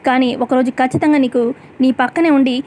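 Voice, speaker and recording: A woman voicing a bold, righteous woman who lectures sharply and talks back, in a quick serial recap. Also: high-pitched, fairly even intonation, a little mellow, natural voice. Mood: resolute. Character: bold righteous woman scolding an arrogant rich lady.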